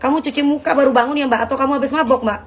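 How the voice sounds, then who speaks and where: A woman's voice: sits high, fairly even intonation, racing, slight background noise. A middle-aged woman hosting a casual live stream, brash and trash-talking, calling her viewers darling. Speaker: live-stream host selling bags.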